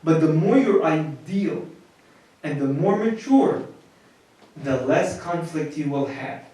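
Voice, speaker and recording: An American priest gives a conversational marriage lecture in a fairly high, mellow voice with lively intonation and a slow pace. He often repeats words as he restarts. The recording is very echoey and captured from far off the mic.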